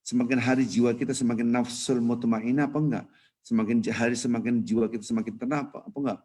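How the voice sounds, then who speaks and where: A man giving a casual dawn lecture at a mosque, chatty and playful, with sudden loud bursts of emphasis. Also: mid-range voice, fast, husky. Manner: lively, conversational, jokes and sudden loud emphasis. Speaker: preacher.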